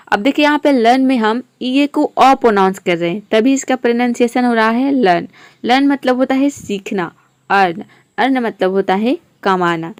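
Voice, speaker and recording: A woman's voice: on the high side, no room sound. Patient woman teaching English spelling rules. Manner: patient, spells words letter by letter. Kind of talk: explaining pronunciation rules step by step.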